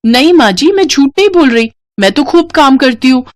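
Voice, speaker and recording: A woman voicing a lazy young wife in a cartoon story, pitching her voice up and pleading. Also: animated, brisk, dry recording. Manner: raised, pleading and whiny.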